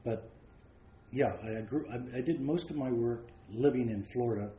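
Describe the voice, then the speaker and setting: A man raised around the United States, a painter guest, telling frank, self-deprecating stories about his life in a relaxed way. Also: mid-range voice, normal speed, slight background noise. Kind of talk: relaxed anecdotal storytelling. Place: large home studio. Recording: roomy studio with faint ambience.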